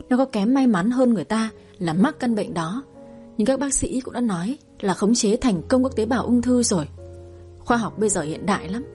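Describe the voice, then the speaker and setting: A woman's voice: mid-range voice, dark tone, natural voice. A woman voicing a stern scolding husband. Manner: reproachful, scolding. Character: angry middle-aged husband, stern father.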